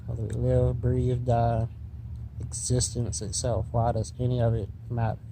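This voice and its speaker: A man tripping on mushrooms rambles philosophically in a medium-pitched voice with very little melodic movement. He drifts and circles back over his words, spaced-out and musing. Clear ambient noise runs behind him. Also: monotone, a little slow. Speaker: vlogger. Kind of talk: rambling philosophical monologue to the listener. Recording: noisy recording with vehicle-like ambient noise.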